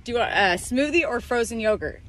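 A woman's voice: on the high side, expressive, a little fast, a bit bright, a little hiss or hum. A middle-aged American woman, a mother talking casually to her child inside a car. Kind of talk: casual chat.

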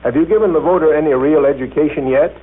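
A man's voice: a little high, fast, slightly rough. A man asking questions in a formal, scripted 1930s radio interview. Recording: tinny, band-limited 1930s radio recording.

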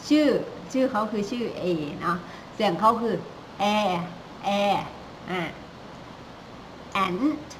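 A woman teaching English phonics in a live-streamed lesson, repeating each sound slowly and patiently with polite particles. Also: medium pitch, expressive, background noise. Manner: slow, repetitive drilling of sounds with polite Thai particles.

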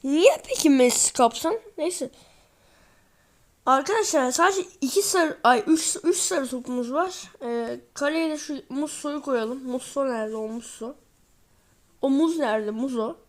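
At a measured pace, a sleepy woman with a high-pitched, lively voice chats casually during a football video game on her channel. She rambles on, frequently repeating "neyse."

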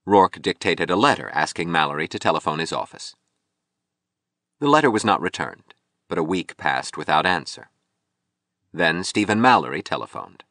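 A male audiobook narrator with a very deep voice and lively, rising and falling delivery. He tells the story in a measured, expressive way with a bright tone. The sound is dry and close, with no room around it. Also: no room sound.

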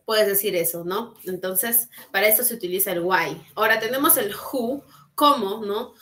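Woman, online teacher, patient, explaining, frequent tag questions, mid pitch. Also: normal speed, fairly bright tone. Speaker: English teacher. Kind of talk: online class lesson. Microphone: computer mic on video call.

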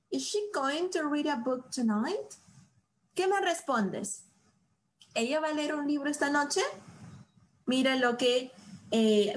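A woman leads a live online English class in a slightly high voice. She speaks slowly and deliberately and stretches out her example sentences. Her questions to students come with playful, expressive exclamations. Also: rough recording. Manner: slow, drawn-out modeling of example sentences, asks students questions. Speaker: English teacher.

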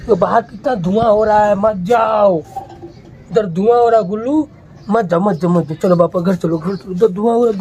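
A man chats casually to his viewers in a home vlog, recorded on a phone, switching to a coaxing tone for a pet. His voice is mellow and dark. A faint hiss sits under the recording. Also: sits high. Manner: chatty, addresses viewers as friends, coos at a pet. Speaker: vlogger.

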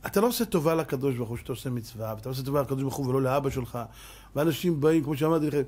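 A man giving a sermon as a rabbi, telling stories and acting out both sides of the dialogue. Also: mid-range voice. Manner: animated storyteller who acts out dialogue, often laughing.

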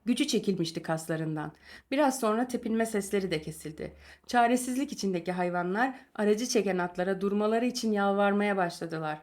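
A woman reads a novel chapter aloud at an even, middle pitch. Her delivery is calm and measured, the steady pacing of an audiobook narrator.

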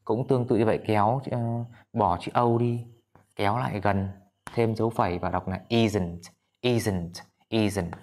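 A man teaching an English grammar lesson at a whiteboard, patient, often asking his students questions and repeating examples slowly. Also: fairly low pitch, steady tone, a little mellow.

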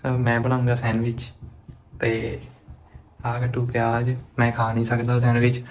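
Punjabi guy on a home vlog, flat even voice, kinda teasing, faint noise. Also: mid-range voice, moderate pace. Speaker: vlog co-host. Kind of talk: casual home vlog chat.

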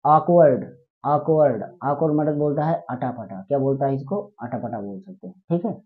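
A man's voice: mid-range voice, normal speed. Male teacher on a tinny line. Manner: repetitive, quizzing listeners with questions. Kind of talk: spoken grammar lesson. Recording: tinny phone-like sound.

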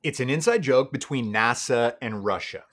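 A man's voice: mid-range voice, moderate pace, a bit bright. A man in his thirties hosting a scripted comedy show, sarcastic and mock-boastful. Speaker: comedy web show host.

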